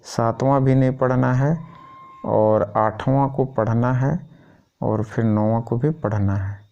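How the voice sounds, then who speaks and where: A man's voice: mid-range voice, warm tone, muffled recording. A man going through a school syllabus item by item in an informal teaching style, often checking in with the listener. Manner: keeps repeating "thik hai" as a check-in.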